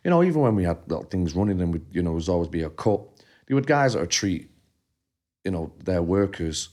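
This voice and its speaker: A man's voice: low voice, big pitch swings, a little fast, a little mellow. A man co-hosting a podcast, chatting casually and telling stories about his past. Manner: laid-back storyteller, drops into quoted voices. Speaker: podcast co-host. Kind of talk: casual chat.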